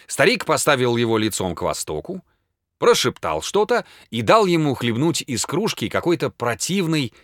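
A man narrating classic prose as an audiobook, with expressive, dramatic delivery. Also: medium pitch, dry recording, clean studio sound.

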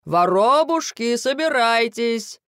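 A bossy, boastful sparrow father hurries his family along, as a man acts him out. His voice bounces lively between high and low, and the recording is close and dry. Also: measured pace, no room sound. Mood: bossy, hurried. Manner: impatient, boastful. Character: bossy hurried sparrow dad, middle-aged.

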